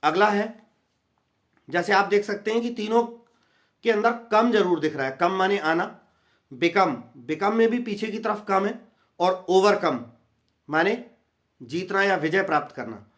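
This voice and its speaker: A man's voice: sits high, unhurried, long pauses, fairly bright tone. A man teaching English verb forms in a grammar lesson, repeating each word in rhythmic drills. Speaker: English tutor. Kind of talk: Hindi-language grammar lesson.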